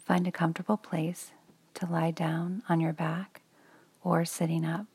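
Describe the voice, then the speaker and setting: Slow whispering woman guiding a meditation. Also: fairly low pitch, little pitch movement, husky, no room sound. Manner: soft whispery delivery, slow and soothing. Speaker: meditation guide. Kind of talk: guided meditation for children.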